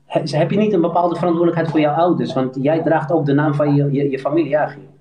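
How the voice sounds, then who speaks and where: A man's voice: a little high, fast talker, noisy background. A man in a casual live debate, probing and earnest. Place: group live-stream call. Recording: roomy, distant mic, voices around.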